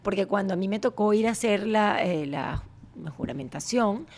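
A woman hosting a podcast, lively and quick to jump in during casual chat. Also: mid-range voice. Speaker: podcast host.

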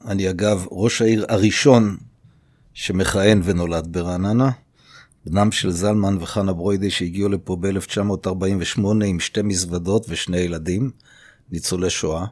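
Middle-aged man guesting on a podcast, very low voice, dry close sound, measured, hesitant delivery. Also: steady tone, a little mellow, no echo. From Israel. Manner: unhurried, many hesitation fillers. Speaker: podcast guest, city mayor. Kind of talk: conversational interview.

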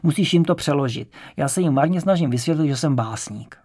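A man reading an audiobook, voicing a brash, loud and teasing male poet character. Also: on the high side, animated, breathy edge, no echo, studio quality. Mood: boisterous.

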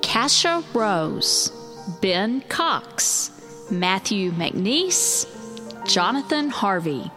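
A woman co-hosting a podcast reads out lists of nominees in a slow, measured way, with a digital echo effect on her voice. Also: medium pitch, sing-song, sharp tone, faint music behind. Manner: slow, measured reading of names. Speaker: podcast co-host.

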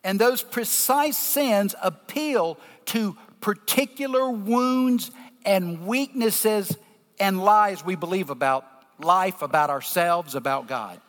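A long hall reverb surrounds this male preacher with a deep Southern drawl. His voice sits high for a man, and he moves slowly through his sermon. He teaches with deliberate emphasis, breaking his thoughts into short phrases. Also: fairly bright tone. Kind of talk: sermon, explaining scripture to a congregation.

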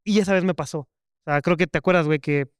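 High-voiced Mexican podcast co-host. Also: male voice, quick pace, smooth, no room sound, clean studio sound. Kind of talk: casual chat.

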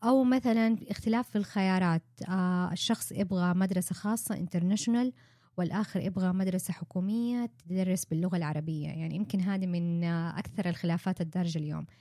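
A woman hosting an interview, asking clear, structured questions with examples. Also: fairly low pitch, fast, dark tone, dry recording, clean studio sound. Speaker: podcast host.

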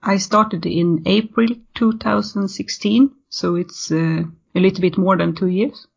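A woman's voice: mid-range voice, measured pace, gravelly, husky. A Swedish woman in her thirties with a Swedish accent, a podcast guest talking in a casual interview, hesitant, with many fillers and restarts. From Sweden. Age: 30s. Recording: muffled lo-fi audio.

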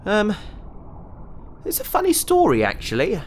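Heavily acted, the performance uses a high voice with wildly swooping pitch, delivered a little slowly over slight hiss or hum. The actor portrays a breezy, naive young man stuck in an alien's fish tank in a sci-fi audio drama, rambling self-justifications to talk his way out of trouble.

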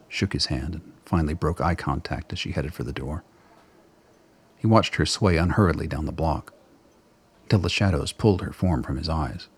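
In a slightly mellow but extremely deep voice, gravelly and husky, a man narrates a scripted radio drama. His delivery is measured and dramatic.

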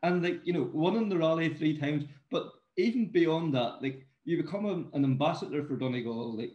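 A man interviews his guest in a relaxed chat, backing him up with short replies. His voice sits a little high. The sound is dull and lo-fi. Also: brisk. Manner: encouraging, frequent backchannels. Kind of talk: casual interview. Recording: dull lo-fi recording.

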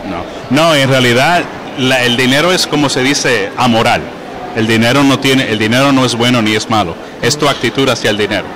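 A man, a guest calmly explaining his ideas in an interview. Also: medium pitch, brisk, background noise. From Puerto Rico.

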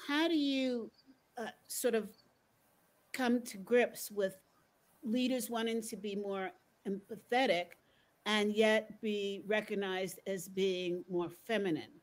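A woman interviewer asking thoughtful questions in a measured way. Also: mid-range voice, fairly even intonation.

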